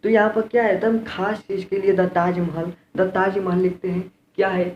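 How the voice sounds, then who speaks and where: A man's voice: high voice, steady tone, moderate pace. A man with an Indian accent teaching English grammar in a classroom style. He repeats key words and keeps asking rhetorical questions. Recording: roomy, dull lo-fi with faint room noise.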